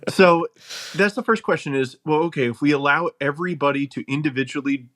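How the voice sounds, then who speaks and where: A man's voice: fairly high pitch, fairly quick, fairly bright tone. A man talking as a podcast guest, making his case in an emphatic, earnest way and laughing between points. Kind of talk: casual conversational argument.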